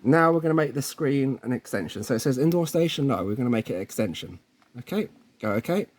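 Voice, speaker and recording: A man hosts a casual, hands-on tech installation tutorial, keeping things informal and often checking in with viewers. His voice is medium in pitch, expressive and fast, with a darkish tone.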